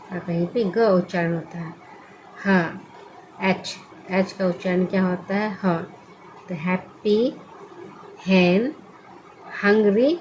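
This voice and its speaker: A woman's voice: medium pitch, darkish tone, slight background noise, rough recording. A woman teaching English letter sounds in a classroom style, asking questions and answering them herself. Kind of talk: classroom-style pronunciation lesson.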